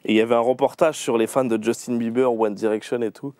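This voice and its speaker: A man's voice: mid-range voice, steady tone, fast talker, darkish tone, clean tone, dry recording. A man hosting a casual livestream interview, firing off playful either-or questions and laughing often. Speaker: host.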